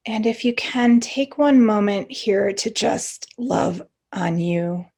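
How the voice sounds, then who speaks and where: In a mid-range, creaky voice, a female meditation teacher walks listeners through a guided session. She speaks gently and encouragingly, pausing between her instructions.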